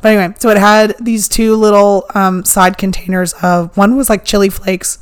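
A young woman co-hosting a casual food podcast, hoarse from a cold and often whispering, rambling and playful with frequent swearing. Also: mid-range voice, flat delivery, moderate pace. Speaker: podcast co-host. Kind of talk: casual food review chat.

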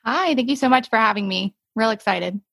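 A woman in her late twenties from the United States talks casually as a podcast guest. Her voice is somewhat high, and the recording is close and dry. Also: a little fast, vocal fry, fairly bright tone, dry recording. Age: late 20s. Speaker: interview guest. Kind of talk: casual interview answers.

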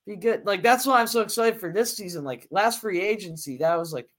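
A man's voice: high voice, a little fast, fairly bright tone. Rambling teenage boy podcaster. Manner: rambling, lots of fillers and restarts. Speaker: podcast co-host. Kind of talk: casual chat.

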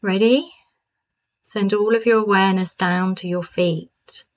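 A woman with a mid-pitched voice leads a calm grounding exercise. She gives gentle, permissive instructions and leaves unhurried pauses between phrases. The recording is somewhat dull and lo-fi. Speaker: wellness coach leading a mindfulness practice.

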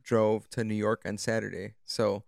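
A man's voice: lowish voice, flat delivery, moderate pace, creaky, no room sound, studio quality. A man on a podcast in natural, unscripted casual talk, telling stories with slangy, profane enthusiasm. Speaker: podcast guest or co-host.

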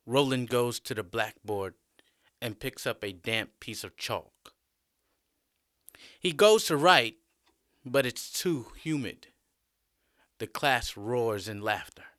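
A man narrating a story in a deliberate, expressive way. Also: medium pitch, dry recording, clean studio sound.

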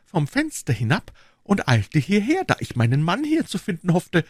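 Young woman figure as a male reader puts her on, high falsetto, secretive, lively pitch, dry sound. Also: slightly rough, dry recording, full character voice. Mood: earnest. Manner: high falsetto, quick and breathless. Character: young Parisian woman, clever, secretive, easily alarmed. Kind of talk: audiobook reading with character voices.

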